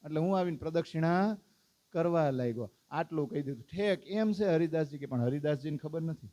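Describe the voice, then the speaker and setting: A man's voice: on the high side, dark tone. A man giving a storytelling sermon, asking his listeners questions and acting out the characters' lines. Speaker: religious discourse speaker. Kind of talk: storytelling sermon to a live audience.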